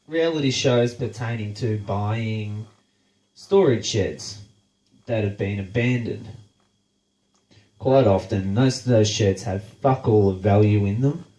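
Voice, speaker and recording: This is a casual, profane rant from an Australian male show host whose voice sits on the low side with a dark tone. A stuffed-up nose makes him sound congested and nasal as he swears and snipes sarcastically. The recording is rough and roomy.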